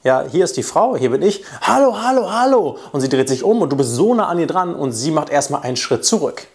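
A man's voice: a little high, lively intonation, fast, a little mellow. Man coaching, acting out little scenes. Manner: casual, acts out quoted lines with shifting voices. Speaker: dating coach. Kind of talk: direct-to-camera coaching talk.

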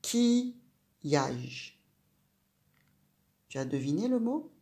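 A woman teaching a reading lesson to a young child, sounding out syllables slowly and clearly and asking the child questions. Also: deep voice, animated, mellow. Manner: slow, clear, syllable by syllable, addressing the child directly.

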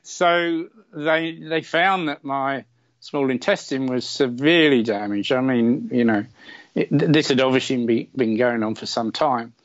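A man's voice: medium pitch, measured pace, dry recording, dull audio. A middle-aged man telling a long personal story as a podcast guest, with plenty of fillers and wry self-deprecating asides. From England. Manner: chatty, many fillers, self-deprecating humor. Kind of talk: casual conversational storytelling.

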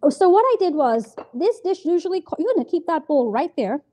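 High-voiced woman demonstrating a recipe. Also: very animated, a little fast, mellow, highs cut off. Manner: upbeat, laughs often, explains step by step. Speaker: cooking show host. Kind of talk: casual cooking demonstration. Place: home kitchen, indoors.

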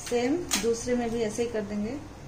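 Higher-pitched woman demonstrating a home recipe. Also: moderate pace, background noise. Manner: explains steps plainly, addresses viewers directly. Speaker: cooking channel host. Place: home kitchen.

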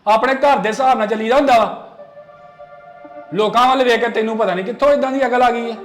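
A stern older brother lecturing his spoiled sibling, played by a man. His voice is very high for a man. It is recorded in an echoey room with faint music behind. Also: quick pace. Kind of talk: home-made family skit acting.

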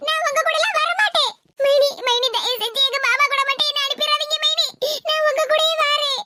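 A woman's voice: very high voice, fairly even intonation, brisk, very noisy. A woman voicing a frightened young woman with a Tirunelveli accent, pleading tearfully with her uncle in a cartoon. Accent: Tirunelveli Tamil.

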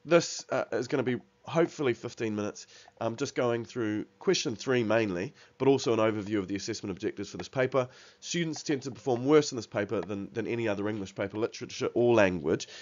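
A teacher with a cold gives an exam revision lesson over slides, his lowish, somewhat nasal voice moving at a quick pace. The tone is a little mellow with the highs cut off, and he restarts often and fills gaps with plenty of ums and uhs.

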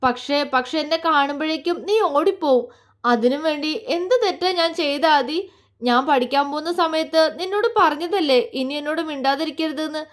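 A woman's voice: high voice, natural voice. A woman doing a heartbroken drunk young man. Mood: tearful reproach. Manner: halting, stammering, tearful pleading. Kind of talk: romantic audio story acting.

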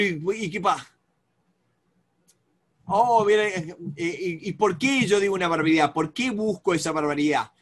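High-voiced Argentine man lecturing a group. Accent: Argentine Spanish. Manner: animated, repetitive, calls on participants by name. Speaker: negotiation instructor. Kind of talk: live seminar lecture to a group.

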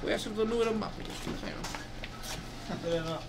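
A man's voice: high voice, a little slow, creaky, slight background noise. A male programming teacher with a Chilean Spanish accent, explaining casually in a live class and asking "¿ya?" after each point. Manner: slangy, chatty, asks "¿ya?" often.

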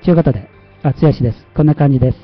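A man's voice: medium pitch, rapid-fire, highs cut off, soft background music. A man with a Kansai Japanese accent hosting a casual livestream, chatty and self-mocking, often laughing at himself. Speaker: livestream host.

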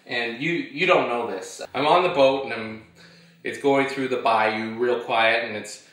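Young male vlogger, sharp forceful tone, rambling jokey asides, very roomy sound. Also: mid-range voice. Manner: joking, rambling, quick asides. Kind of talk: casual rambling monologue. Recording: very echoey room.

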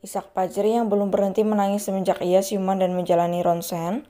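Dark-voiced woman reading a story. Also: medium pitch, little pitch movement, brisk, faint music behind. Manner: reads all characters in one voice. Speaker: audiobook narrator. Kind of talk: scripted story narration.

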